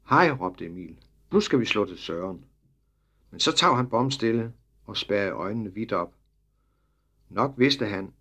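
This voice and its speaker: A man reading a children's story aloud as narrator, in lively storytelling that drops low for the speech tags. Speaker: audiobook narrator.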